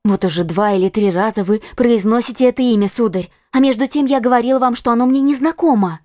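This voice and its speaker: A woman's voice: a little high, fast talker, a little mellow, no room sound, studio quality, lightly acted. Woman playing a secretive frightened young woman. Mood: pleading. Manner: pleading, evasive. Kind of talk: audiobook acting.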